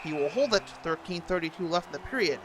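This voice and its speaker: A man's voice: fairly high pitch, animated, fast talker. A man doing play-by-play hockey commentary for a video game, imitating a TV sports announcer's delivery. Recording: noisy, game sound throughout.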